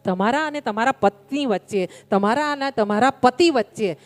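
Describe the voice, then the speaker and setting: A woman's voice: on the high side, expressive, moderate pace, faint music behind. A woman giving a devotional sermon, telling a story in a conversational, humorous way and speaking directly to her listeners. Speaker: religious storyteller.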